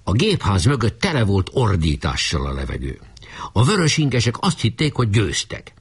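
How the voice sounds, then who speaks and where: Husky low-voiced male storyteller. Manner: lively, expressive storytelling. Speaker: narrator. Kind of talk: audiobook narration.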